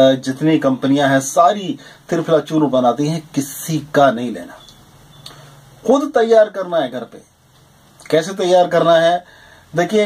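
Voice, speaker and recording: A man in his forties animatedly explaining a herbal home remedy to viewers, with frequent emphatic affirmations, recorded at desk distance in a small room. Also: a little high. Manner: animated and emphatic, with repeated "jī hāṃ" and "ṭhīk hai". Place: small indoor room lined with shelves of medicine bottles.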